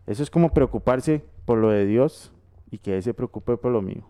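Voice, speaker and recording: A man's voice: medium pitch, moderate pace, warm tone, smooth. A man co-hosting a radio Bible teaching, exhorting listeners with long runs of repeated phrases. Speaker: radio co-host. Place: radio studio.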